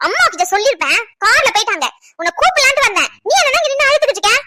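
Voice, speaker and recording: A woman's voice: very high voice, big pitch swings, rapid-fire, heavy background noise. A woman voicing a fiery, protective young woman in a cartoon, who talks in a combative, challenging way. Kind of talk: cartoon voice acting.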